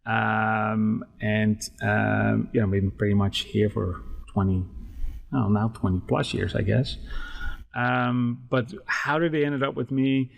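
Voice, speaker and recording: Gravelly Dutch-accented man, low voice. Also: little pitch movement, slow. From Netherlands. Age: 40s. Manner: enthusiastic, chatty, tags statements with "right?". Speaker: guest, sports management professor. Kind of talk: podcast interview.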